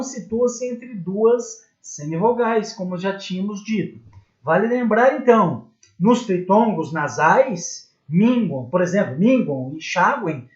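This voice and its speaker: Slow-talking Brazilian male teacher, echoey room. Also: sits high. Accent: Brazilian Portuguese. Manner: patient, repeats and spells out examples, checks in with "tá?". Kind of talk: recorded grammar lesson. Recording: echoey room, dull lo-fi sound.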